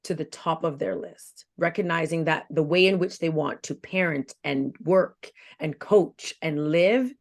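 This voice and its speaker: Woman, 40s, low voice, earnest and reflective, podcast guest. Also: unhurried, hardly any pauses. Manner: reflective, earnest, repeats phrases for emphasis. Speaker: health coach guest. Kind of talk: podcast interview.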